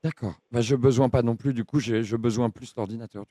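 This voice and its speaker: A man's voice: medium pitch, fairly even intonation, a little fast, dark tone, dry recording, studio quality, voice pushed down, natural voice. A man putting on a confused, lonely sick patient who stammers and trails off in a prank phone call. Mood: muddled.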